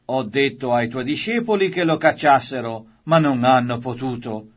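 A man's voice: mid-range voice, normal speed, close to an everyday voice. A desperate pleading father, read by a man. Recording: slightly dull lo-fi recording.

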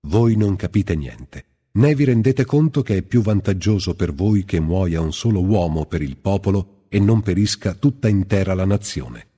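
A cold high priest speaks flatly and dismissively, as a man reads his lines. The voice is deep and dark, slightly husky, and echoes long in a hall. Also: moderate pace, few pauses.

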